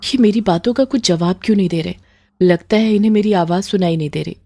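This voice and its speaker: A woman's voice: medium pitch, fast talker, warm tone, soft background music, lightly acted. A woman voicing a timid young wife who pleads and stammers in a storybook tale. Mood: puzzled.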